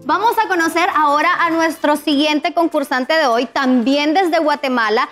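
A woman hosts a TV cooking show from a studio set. Her voice sits high, and her delivery is lively and welcoming. Music plays softly under her. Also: moderate pace. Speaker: TV host. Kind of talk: upbeat TV show presenting.

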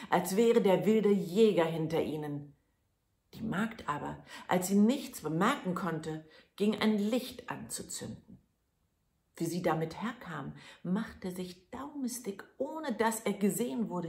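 A woman storyteller reads a fairy tale in a calm, measured way. She takes her time, and a gravelly fry sits in her lowish voice. The reading echoes in the room.

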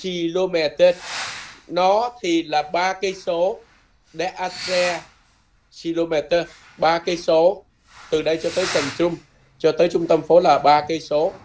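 A man teaching a language lesson, patiently repeating words slowly and ending his phrases with soft tags. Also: on the high side, fairly even intonation, slight background noise. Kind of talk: lesson explained from a textbook.

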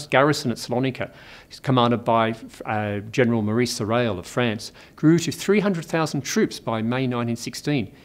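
A middle-aged man with an Australian accent, delivering a scripted history lecture in a measured, precise way, recorded in a studio. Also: medium pitch.

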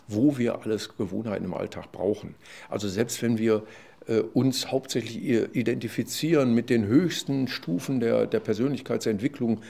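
An older man, a psychology professor, explaining at length in an interview, with many fillers and restarts and a louder voice when he quotes others. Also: lowish voice, gravelly. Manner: animated, loud when quoting others. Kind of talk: conversational explanation.

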